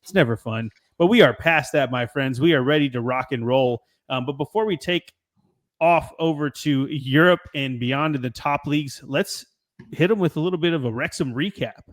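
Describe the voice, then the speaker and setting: A young man hosting a soccer podcast in a relaxed, rambling casual chat who laughs easily. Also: fairly high pitch, moderate pace. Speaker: podcast host.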